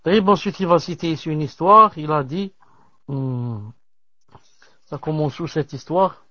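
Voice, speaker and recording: A man teaching as he reads aloud from a classical religious text, pausing to comment and dropping in Arabic religious terms. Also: a little high, pushed and bright, no echo. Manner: measured reading with pauses and Arabic religious terms. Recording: dull lo-fi dry recording.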